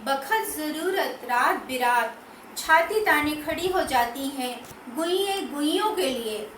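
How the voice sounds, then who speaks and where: A woman poet from Madhya Pradesh, India, reciting her poems in a slow, measured reading. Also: high voice, lively intonation, a bit bright. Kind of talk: poetry recitation. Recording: echoey room, distant mic, faint noise.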